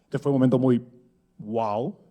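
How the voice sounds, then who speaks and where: A man in his thirties speaks from an event stage in a mellow, relaxed voice. His talk is conversational and full of fillers and little rhetorical tags. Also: mid-range voice, unhurried. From Peru. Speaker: speaker giving a conference talk. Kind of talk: conference talk. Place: event stage before an audience.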